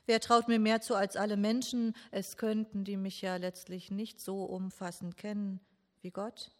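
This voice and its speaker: A woman preaches a meditative sermon, her speech unhurried and heavy with grief. She asks question after question and leaves long pauses. Her mid-pitched voice carries a long reverb, as if it were recorded in a large church. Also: darkish tone. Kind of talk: slow meditative Good Friday sermon.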